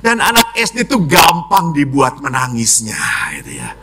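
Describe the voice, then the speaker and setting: Animated, bright-voiced priest preaching a homily. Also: male voice, a little high. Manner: lively preaching, acts out children and wives in quick voices.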